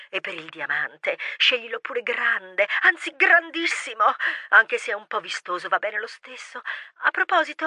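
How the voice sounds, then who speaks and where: A man voicing a gushing, lovestruck female mouse with a theatrical, swooping high voice. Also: pushed and bright, dry recording, exaggerated voice.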